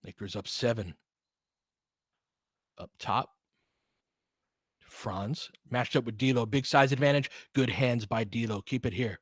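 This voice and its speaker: A play-by-play commentator and host covers live basketball casually and analytically, talking like a fan with listeners and using mild slang. His middling, husky voice is slow with frequent pauses. The recording is close and dry, with no room sound.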